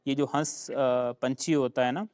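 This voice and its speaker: A man's voice: mid-range voice, steady tone, a little slow, darkish tone, clear, resonant tone, no echo, clean studio sound. A man from Sindh, a Sindhi speaker, teaching a grammar lesson. He spells words out letter by letter, repeats them, and calls his students "beta". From Sindh, Pakistan. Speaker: English teacher. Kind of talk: classroom grammar lecture.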